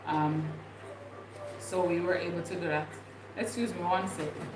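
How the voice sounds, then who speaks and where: A young Jamaican-accented woman vlogs casually on a livestream, rambling and thinking out loud with plenty of fillers. Her voice sits fairly low, with a steady tone and moderate pace. The room is echoey and background noise is clearly audible.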